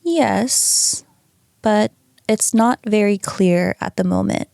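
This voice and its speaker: A woman voicing a hypnotized male patient who calmly reflects on his soul's choices, reading from a printed script. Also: mid-range voice, slow pace, gravelly, dry recording, clean studio sound. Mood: reflective. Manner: calm, reflective answers read from a script.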